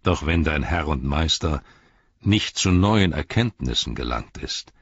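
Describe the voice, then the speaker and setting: A grave old wizard speaks in a stern, measured way, as a man reading an audiobook puts him on. His voice is very deep and husky, and it sits low and steady. The sound is dry and slightly dull. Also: heavily acted.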